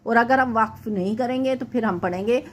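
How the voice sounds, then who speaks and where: A woman teaching tajweed, correcting a student's recitation and explaining each rule step by step, often checking in with a quick "okay". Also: on the high side. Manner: recites verses slowly and drawn out.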